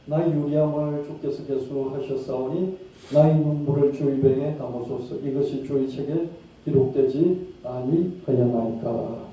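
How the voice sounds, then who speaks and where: A man preaching a sermon as pastor, talking conversationally, asking his listeners questions, and acting out hushed pleading prayers. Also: a little high. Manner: conversational, asks the congregation rhetorical questions. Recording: distant, very echoey dull-sounding room.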